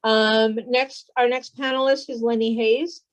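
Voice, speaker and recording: A woman moderating a community panel discussion, speaking in a measured way with frequent pauses. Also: a little high, fairly even intonation.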